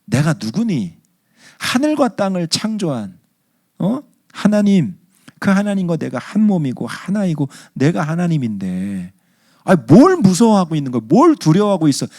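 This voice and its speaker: A male pastor voicing Jesus as an exasperated man shouting down a storm and scolding his frightened disciples, in a sermon retelling. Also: mid-range voice, big pitch swings, unhurried, slightly rough, dry recording, studio quality, exaggerated voice. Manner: irritated, loud, rebuking.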